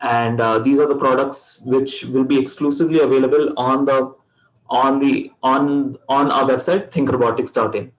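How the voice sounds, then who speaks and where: Man, Indian accent, medium pitch, hesitant delivery, company presentation. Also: fairly even intonation, poor audio. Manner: halting, searching for words. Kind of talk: slide presentation.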